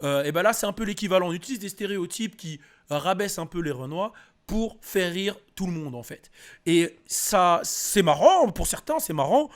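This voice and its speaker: A man's voice: high-pitched, animated, moderate pace. A man of Antillean background giving a casual spoken commentary, thinking aloud with many fillers and restarts. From French Antilles. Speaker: host. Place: United States.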